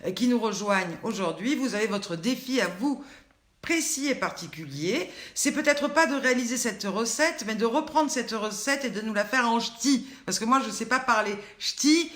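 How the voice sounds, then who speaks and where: An older woman with a Southern French accent hosts a casual live cooking chat online, joking and addressing viewers by name. Her voice is medium in pitch and fairly bright, with a roomy echo on the recording.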